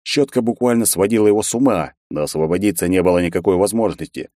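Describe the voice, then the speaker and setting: A man reading an audiobook in a steady, even storytelling manner on a close studio mic. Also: deep voice, fast talker, no echo. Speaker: audiobook narrator. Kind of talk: scripted narration.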